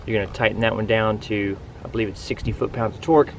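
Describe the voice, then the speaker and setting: A man's voice: fairly low pitch, steady tone, quick pace, creaky, a little hiss or hum. A man giving a casual, plain-spoken walkthrough to camera, explaining equipment in an informal, instructive way. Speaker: RV vlogger giving a product walkthrough. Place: outdoors beside a pickup truck bed.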